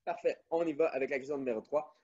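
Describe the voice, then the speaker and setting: A man's voice: mid-range voice, fairly even intonation, quick pace, warm tone. A man from Quebec, hosting a family quiz and reading out questions and answer choices. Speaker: quiz host. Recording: dull lo-fi sound.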